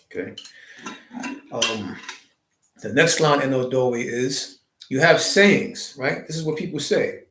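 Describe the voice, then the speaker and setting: A man's voice: mid-range voice, animated, slow pace, long pauses, fairly bright tone, slight background noise. A man hosting a live stream, giving a preachy spiritual monologue full of wordplay and rhetorical questions. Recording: roomy echo.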